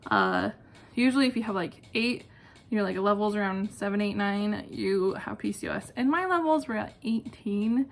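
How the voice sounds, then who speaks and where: Speaking at a moderate pace and medium pitch, the host of a video channel, a young adult woman, keeps things casual and self-deprecating while answering questions in one take. She's at home indoors, where a ceiling fan clicks and neighbors may be audible outside.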